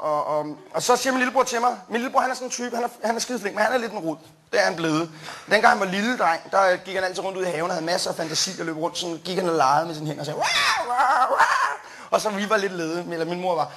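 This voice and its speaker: A young man doing stand-up, telling a rambling story with plenty of fillers, restarts and quick jumps into quoted voices. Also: high-pitched, a bit bright, slight background noise. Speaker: stand-up comedian. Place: comedy stage before a live audience.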